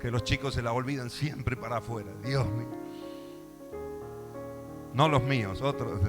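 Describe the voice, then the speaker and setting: A man's voice: medium pitch, steady tone, a little slow, music in the background. A male pastor with a Rioplatense Spanish accent, preaching a sermon in a church, emphatic, with call-and-response asides and playful acted-out dialogue. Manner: acts out quoted dialogue, laughing often.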